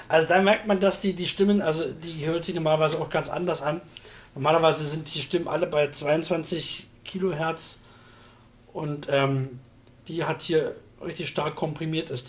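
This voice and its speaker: A man with a somewhat high-pitched voice talks through technical matters in a casual chat. He is colloquial and often ends a remark with a short questioning tag. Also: fairly even intonation, normal speed, slight background noise. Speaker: discussion participant demonstrating software.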